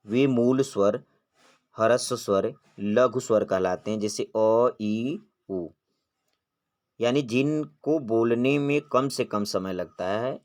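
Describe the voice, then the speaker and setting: With a lowish voice, a man leads an exam-prep grammar class in which he raises questions and supplies the answers. He lengthens vowel sounds as he demonstrates them.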